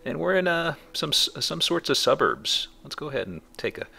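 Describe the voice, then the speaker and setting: This let's play host speaks briskly in a fairly high, sing-song voice with vocal fry and a sharp tone. His commentary on the game is folksy, casual, and wandering, with faint game noise underneath.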